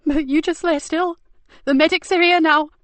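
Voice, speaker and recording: A woman voicing a fierce female police detective, talking loudly and forcefully. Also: high voice, fairly even intonation, normal speed, no room sound, pitched above the performer's own voice. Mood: desperate. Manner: loud, forceful, desperate.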